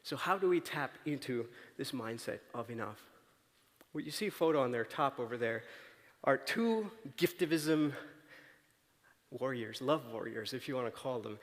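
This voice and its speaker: A man's voice: mid-range voice, lively intonation, normal speed. Man giving a talk in a reverberant hall. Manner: conversational, keeps checking in with "right?". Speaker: conference speaker. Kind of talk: storytelling keynote talk. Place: large auditorium stage. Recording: long reverb of a large hall.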